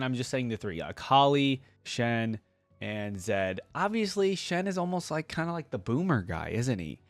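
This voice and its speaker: Speaking in a mid-range voice with no room sound, a man hosting a gaming reaction channel gives viewers loose, off-the-cuff commentary. He rambles and thinks aloud as he goes.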